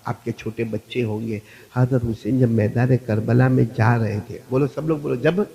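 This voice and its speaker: A man preaching a dramatic, emotional sermon, dropping to a hush and rising to shouts as he tells the story and calls on the crowd to answer. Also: mid-range voice, gravelly, highs cut off. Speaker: Islamic preacher.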